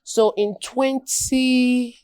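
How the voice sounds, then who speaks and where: A woman's voice: on the high side, steady tone, very slow, darkish tone, no echo, clean studio sound. A Nigerian woman in her early forties, a podcast guest chatting casually and animatedly, joking and slipping into Pidgin. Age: early 40s. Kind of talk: casual interview chat.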